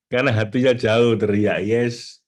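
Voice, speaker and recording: Addressing an audience, a middle-aged man who works as a spiritual trainer delivers an animated spiritual teaching talk. He leaps into high, excited bursts and then reads quotes slowly.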